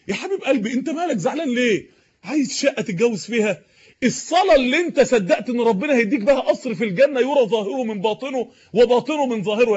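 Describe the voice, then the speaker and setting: A man's voice: extremely high pitch, husky. A man with an Egyptian accent preaching a sermon, impassioned, with rhetorical repetition. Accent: Egyptian Arabic. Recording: dull lo-fi recording.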